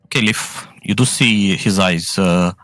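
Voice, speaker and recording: Man, tabletop game master, lowish pitch, halting improvised narration, dry sound, music in background. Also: a bit bright, no room sound. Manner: halting, searching for words.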